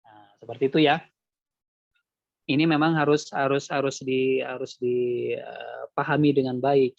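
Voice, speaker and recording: A man's voice: mid-range voice, flat delivery, a little slow, vocal fry, no echo, highs cut off. A man teaching Quran recitation rules one-on-one in an online lesson, patiently quizzing his student with repeated questions. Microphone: video call.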